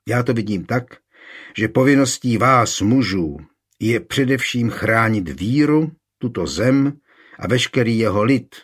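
A man reading a high-voiced woman who scolds a table of quarrelling men. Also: husky, natural voice. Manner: indignant, reproachful.

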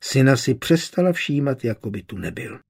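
Gravelly, husky male audiobook narrator. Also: mid-range voice, very animated, a little mellow. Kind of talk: scripted novel narration.

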